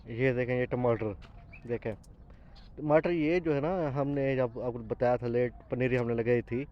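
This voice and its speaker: A man's voice: medium pitch, fairly even intonation, a little hiss or hum. A man, a farm owner hosting a casual farm vlog outdoors in an orchard, chatting and pointing things out as he explains. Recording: dull lo-fi outdoor recording.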